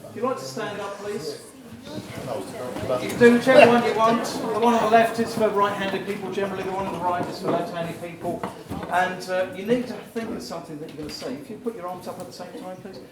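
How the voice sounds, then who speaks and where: A man giving a short live talk, walking the audience through exercises and calling out loudly at times. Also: sits high, fast, hardly any pauses. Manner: energetic, instructing the crowd, rising to loud calls. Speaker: speaker at a live talk event. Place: event venue with a live audience. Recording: echoey hall, far from the mic, crowd noise.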